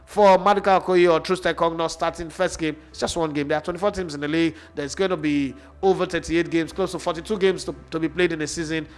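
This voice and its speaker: A man's voice: fairly high pitch, fairly even intonation, fast, hardly any pauses. A man giving blunt, emphatic opinions as a football pundit. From Nigeria. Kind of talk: opinionated sports talk.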